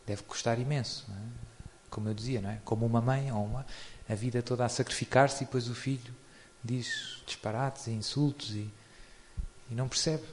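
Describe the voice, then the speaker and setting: A man's voice: mid-range voice, a little mellow, a little hiss or hum. A man with a European Portuguese accent giving an informal spiritual talk, speaking conversationally and often adding tag questions. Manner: chuckles often while explaining. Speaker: religious speaker.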